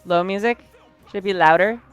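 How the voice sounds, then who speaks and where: Late at night, a tired woman streams live from her sewing room, chatting casually with viewers as she sews. Her mid-range voice is brisk, clear, and resonant, with soft music playing in the background.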